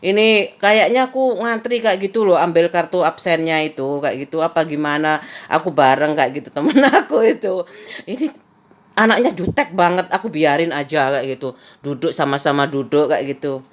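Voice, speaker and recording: A woman's voice: low voice, moderate pace. Chatty woman vlogging. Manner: chatty storytelling, frequent "kayak gitu" and laughter. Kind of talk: casual daily vlog chat.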